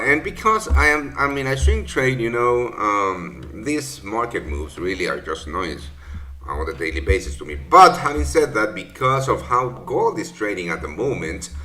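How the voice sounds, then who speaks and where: This trading session host has a bright but lowish voice, and the recording carries a slight hiss or hum. His first language is Spanish, and his casual live-stream take on the markets wanders, full of fillers and corrections of himself.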